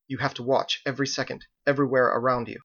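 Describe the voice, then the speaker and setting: A man's voice: medium pitch, little pitch movement, fast talker, fairly bright tone, highs cut off. A man voicing a tense, guarded young woman fighter who speaks in clipped, commanding lines. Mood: urgent, scolding.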